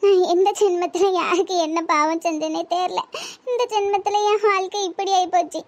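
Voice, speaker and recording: A woman's voice: extremely high pitch, fairly even intonation, moderate pace. A woman with a Tirunelveli Tamil accent voicing a heartbroken young woman in a cartoon, lamenting in self-pity. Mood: sorrowful.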